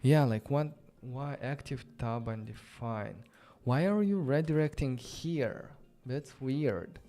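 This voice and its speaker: Faint music accompanies this Romanian-accented host of a casual live-coding stream as he thinks aloud, loose and chatty, with lots of fillers in his non-native English. His medium-pitched voice is mellow, and he takes his time.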